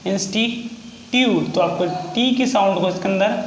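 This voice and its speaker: Male tutor, repetitive and patient in delivery; echoey room, faint hiss behind. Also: sits high. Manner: repetitive, spells words out slowly for learners. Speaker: shorthand teacher. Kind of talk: classroom lesson.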